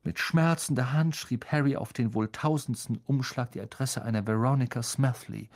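A man reading an audiobook aloud in a calm, expressive way. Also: mid-range voice, moderate pace. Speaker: audiobook reader. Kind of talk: audiobook narration.

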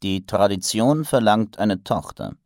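A man voicing a serious, dutiful male secretary who answers gravely and respectfully. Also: lowish voice, unhurried, darkish tone, no room sound, clean studio sound, pitched above the performer's own voice. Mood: deadpan.

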